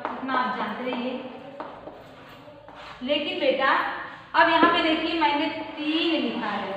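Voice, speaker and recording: A woman's voice: high-pitched, a bit bright, muffled recording. Woman, school teacher, children's grammar lesson, repeats key words, long reverb. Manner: asks questions and answers them herself; calls the pupils "child" and repeats key terms. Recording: very echoey room, faint background noise.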